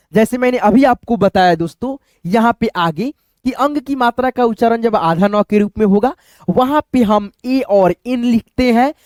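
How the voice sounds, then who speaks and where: A man's voice: high voice, a little mellow, no echo. Guy teaching spelling to viewers, chatty, drags out the sounds, dry close mic. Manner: talks to viewers as friends, drawn-out sounding of words. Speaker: English teacher. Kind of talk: chalkboard-style lesson explaining spelling.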